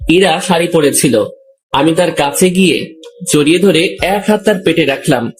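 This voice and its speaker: Young man narrating calmly, slightly high-pitched. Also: moderate pace, soft background music. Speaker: narrator and male lead. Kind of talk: first-person story narration.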